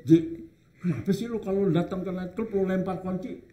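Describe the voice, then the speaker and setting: A man's voice: high-pitched, brisk, highs cut off. A man, a veteran comedian, telling a funny night-club story and quoting the people in it. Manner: animated anecdote teller, quotes characters. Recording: echoey room.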